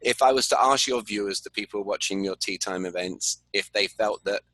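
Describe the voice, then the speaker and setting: A British-born man chatting casually as a guest over a video call, jokey and animated. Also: on the low side, a little fast, no room sound, poor audio. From Britain.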